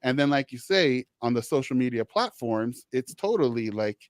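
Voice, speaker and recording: Male podcast host, mid-pitched voice, loose and rambling delivery, dry close recording. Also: animated, moderate pace, no room sound. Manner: rambling and warm-hearted, many restarts and "you know"s. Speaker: podcast host, social worker. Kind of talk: casual podcast conversation.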